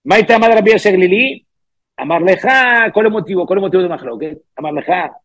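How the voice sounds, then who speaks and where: Husky high-voiced man teaching Talmud. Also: animated, brisk, a bit bright, dry recording. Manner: reads Hebrew and Aramaic phrases, then explains them with repeated "¿cierto?". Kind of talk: Talmud class explaining a text line by line.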